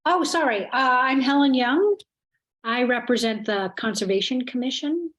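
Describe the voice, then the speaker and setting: A woman's voice: high-pitched, moderate pace, fairly bright tone. A woman in her sixties, a retired teacher representing a town commission, speaking cheerfully.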